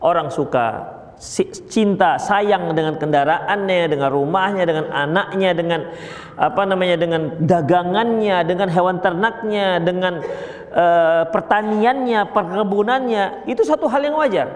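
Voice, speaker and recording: A man preaching a sermon to a group of brothers, lively and joking as he explains a verse. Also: sits high, a little slow. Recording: echoey hall.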